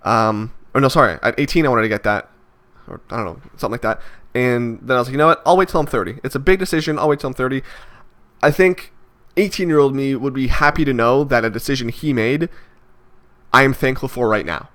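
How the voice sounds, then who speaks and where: Musing hesitantly in his vlog, a man in his twenties delivers a rambling, reflective monologue marked by many fillers and restarts. His medium-pitched voice is a bit bright, and he talks fast.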